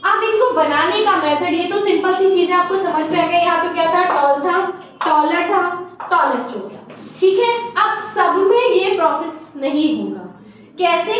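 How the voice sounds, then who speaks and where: A woman with an Indian English accent and a very high voice teaches a grammar class, answering her own questions as she goes. She sounds distant from the mic in a room with a lot of echo. The recording is dull and lo-fi, with faint noise underneath. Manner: asks questions and answers them herself, calls listeners child. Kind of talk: classroom lesson.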